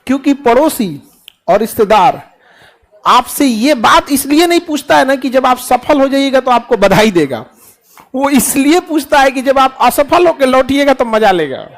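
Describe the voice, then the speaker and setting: A man's voice: very high voice, expressive, normal speed. A middle-aged man giving a classroom motivational talk to students, full of rhetorical questions and playful mimicked dialogue. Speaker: teacher addressing students.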